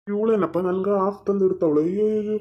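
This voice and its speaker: Brief: high, quick man, fretful husband in a comic sketch, dull lo-fi sound. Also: steady tone.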